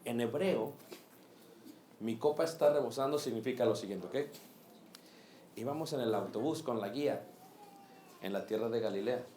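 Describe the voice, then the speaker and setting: A man preaching a sermon, lively and asking the congregation questions. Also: medium pitch, normal speed, pauses often, echoey room, slight background noise. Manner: animated, asks the congregation questions.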